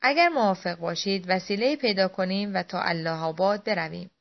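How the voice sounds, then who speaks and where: Calm gentleman traveler, read by a woman. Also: medium pitch, vocal fry, lightly acted. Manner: composed, measured. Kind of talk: audiobook reading. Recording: dull lo-fi audio.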